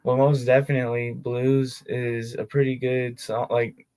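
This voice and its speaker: A man's voice: medium pitch, flat delivery, a little slow, darkish tone, smooth. A man streaming his tabletop game sessions, chatting casually in laid-back slang with many fillers. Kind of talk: casual livestream chat.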